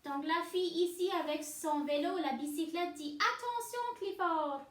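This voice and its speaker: A woman reading a picture book aloud to children, pausing to explain the story. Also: high-pitched, fairly even intonation, reverberant. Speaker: reader.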